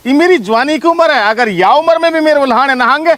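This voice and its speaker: A man's voice: very high voice, expressive, fast. A man playing a lecherous old village man, whiny and teasing in a village comedy skit. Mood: cheeky grumbling. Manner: teasing, whiny and self-pitying. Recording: faint background noise.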